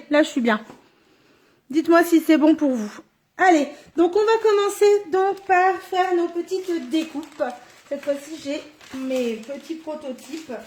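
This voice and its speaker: A middle-aged woman running a live card-making tutorial, chatty and thinking aloud as she works, filmed indoors on a phone on a stand. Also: high voice. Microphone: phone or camera on a stand.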